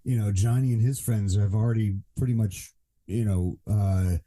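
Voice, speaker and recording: Low, dark-voiced man rambling on a podcast. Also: normal speed. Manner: rambling, many fillers and restarts. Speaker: podcast co-host. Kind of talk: casual podcast chat.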